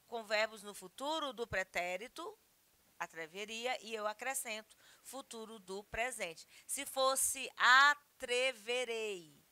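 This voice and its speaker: A woman's voice: fairly high pitch, pushed and bright, dry recording. A woman with a Brazilian Portuguese accent teaching a grammar lesson, explaining patiently and asking and answering her own questions. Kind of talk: grammar lesson, correcting exercises.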